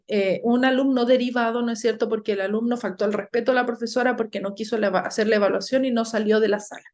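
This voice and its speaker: A middle-aged woman gives an explanatory lecture on parenting as an educator, often checking in with tag questions. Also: on the high side. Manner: frequent tag questions "¿no es cierto?". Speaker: educator giving a parenting talk.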